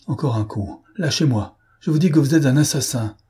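A man's voice: unhurried, warm tone, slightly rough. A man voicing a desperate marquise. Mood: defiant, panicked. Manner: pleading then shrill and defiant. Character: desperate scheming young noblewoman, marquise. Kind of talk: audiobook character reading.

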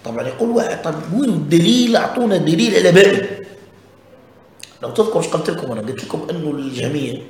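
A man's voice: on the high side, expressive, racing, darkish tone. A man, a religious teacher explaining a text step by step and often checking that listeners follow. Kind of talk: explanatory lesson commentary on a text. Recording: very echoey room.

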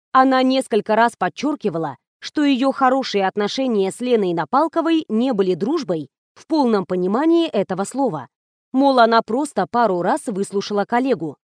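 A woman's voice: fairly high pitch, lively intonation, moderate pace, a little mellow, no echo. Woman narrating an audiobook, dry and close. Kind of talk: scripted first-person narration.

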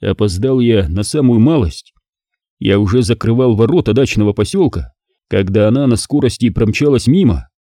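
A man narrating an audiobook in the first person with an expressive reading. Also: lowish voice, moderate pace, no room sound, clean studio sound.

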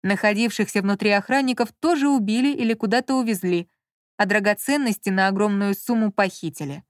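Woman, audiobook narration, even storytelling, dry close sound. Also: medium pitch, a little fast, dry recording.

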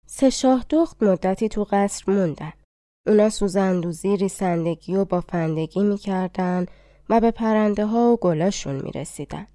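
Brief: woman audiobook narrator, storybook narration, mellow voice, dry close sound. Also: mid-range voice, dry recording. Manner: calm, measured reading.

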